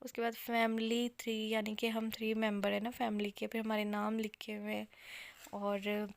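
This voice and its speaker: A woman's voice: mid-range voice, monotone, moderate pace, vocal fry, dry recording. A woman, a mother chatting casually to her family vlog viewers and laughing as she talks at home. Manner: chatty, addresses viewers directly, laughs while talking. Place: at home, indoors.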